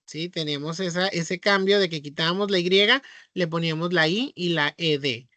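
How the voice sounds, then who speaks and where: A man's voice: fairly high pitch, normal speed, pushed and bright, no room sound. A man with a Mexican Spanish accent teaching English grammar in an online class, explaining patiently and checking in with the students often.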